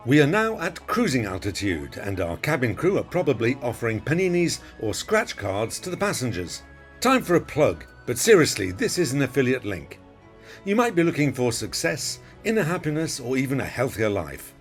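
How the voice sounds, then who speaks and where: Lively male narrator with varied intonation. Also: mid-range voice, moderate pace, soft background music. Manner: instructive, quizzing the viewer. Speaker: flight video narrator. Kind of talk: scripted explanatory voice-over.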